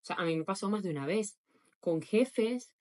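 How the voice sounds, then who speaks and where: A young woman from Latin America speaks in a mid-range voice, relaxed and conversational. She vlogs to her followers in a chatty, expressive way and briefly acts out the voices of the people she quotes. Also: mid-range voice, normal speed. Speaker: vlogger. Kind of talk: casual vlog monologue.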